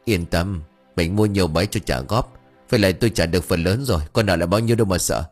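A man's voice: deep voice, fast, faint music behind. Man doing a stubborn boastful old man. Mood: defensive. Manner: blustering, boastful.

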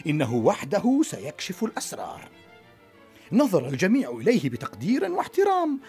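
A woman narrating a children's story in an expressive, dramatic way. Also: medium pitch, breathy edge.

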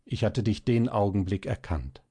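A man's voice: fairly low pitch, lively intonation, normal speed, warm tone, husky. A man voicing a shy, wondering young woman. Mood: sorrowful.

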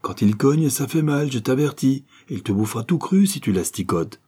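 A man voicing a young man who calms a friend in a firm, conciliating way, in a storybook reading. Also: medium pitch, normal speed, slightly rough, voice pushed up.

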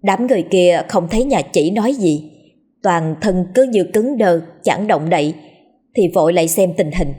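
Brief: female horror-story narrator, husky, lower voice, steady dramatic reading. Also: normal speed.

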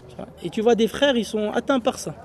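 A man teaching an Arabic class in a rather high, mellow voice. He explains in French, slips in Arabic phrases and keeps checking whether his students follow. A faint hiss of noise sits under the recording. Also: a little fast. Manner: explains in French mixed with Arabic phrases, asks "tu vois?" often.

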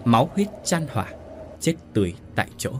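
A man's voice: medium pitch, big pitch swings, brisk, a bit bright, a little hiss or hum. A man narrating a dramatic family tragedy story in a grave, dramatic manner. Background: faint music.

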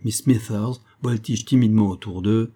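A man narrating a novel as an audiobook, in a measured, even storytelling manner. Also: fairly low pitch, breathy edge.

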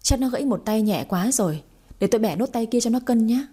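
Woman voicing a gruff, exasperated young master. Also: a little high, expressive, brisk, mellow, pitched above the performer's own voice. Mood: angry. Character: hot-tempered young master, exasperated husband.

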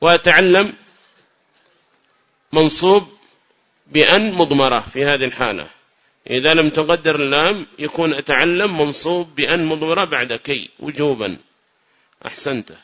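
A man leads a classroom grammar lesson, his voice bright and a little high. He explains patiently, repeats key points and questions his students. The recording is muffled and lo-fi. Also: moderate pace, pauses often. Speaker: grammar teacher.

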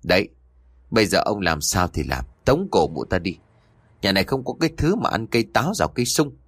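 Give me a nagging, venomous wife plotting in hurried tones, as a man puts her on. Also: fairly low pitch, sing-song, breathy edge, dry recording. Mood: spiteful nagging. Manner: hissing, urgent whispering and goading. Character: scheming cruel wife, middle-aged woman.

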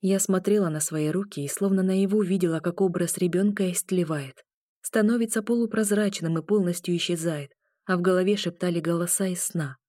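A woman reading a novel aloud as a first-person narrator, in a measured storytelling manner. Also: lowish voice, fairly even intonation, dark tone, no room sound, clean studio sound. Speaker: audiobook narrator.

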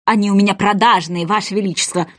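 A woman's voice: mid-range voice, steady tone, fast, natural voice. A woman voicing a flustered, apologetic male hat-maker who mumbles his answers at a storybook trial.

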